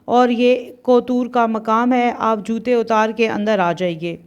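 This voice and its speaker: Woman doing a commanding unseen voice, slow and measured, fairly high and even. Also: clean tone, dull audio, lightly acted. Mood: solemn.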